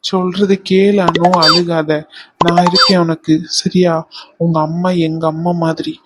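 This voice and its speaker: Woman voicing a gentle young husband. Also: fairly low pitch, flat delivery, a little slow, heavy background noise, natural voice. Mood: comforting.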